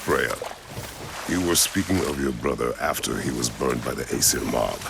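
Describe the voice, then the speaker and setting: A man playing a stern, terse warrior god who speaks in deep, gravelly, clipped orders. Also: animated, moderate pace, background noise, full character voice. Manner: clipped, commanding short orders. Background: game music.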